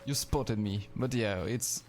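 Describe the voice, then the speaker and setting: A man's voice: fairly low pitch, slow, darkish tone, soft background music. A man with a French accent, a native French speaker, chatting casually on a live stream while playing a game and answering his chat.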